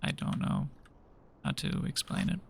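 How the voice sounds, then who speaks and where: A young man streams a game and chats casually with viewers, laid-back and rambling, full of fillers and restarts. He talks a little slowly, and there's a slight hiss or hum on the recording.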